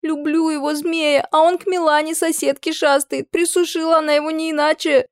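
A woman's voice: sits high, moderate pace, no echo, clean studio sound, pitched above the performer's own voice, lightly acted. A woman voicing a weepy, lovesick teenage village girl who wails and pleads. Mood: wailing. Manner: wailing and pleading.

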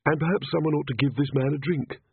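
An earnest young king, polite yet insistent, voiced a little higher than the narration by a man. Husky and tinny, like a phone line. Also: steady tone, fast talker, exaggerated voice.

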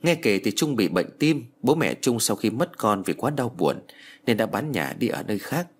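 A man giving a dramatic, lively scripted narration of a first-person ghost story. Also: fairly low pitch, normal speed, husky.

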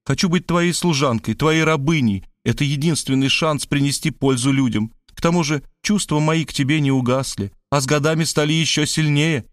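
A man's voice: brisk, few pauses, no room sound, clean studio sound, natural voice. A man voicing a doting, dramatic middle-aged woman who pleads with gushing, theatrical exclamations. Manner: gushing, pathetic exclamations, high-pitched. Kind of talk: audiobook character voice.

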